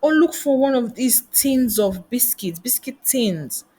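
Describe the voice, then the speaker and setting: This woman's voice is a little high, with a dark tone and a breathy edge. She speaks unhurriedly but with animation, giving a motivational career lesson as a coach and trainer and asking plenty of rhetorical questions.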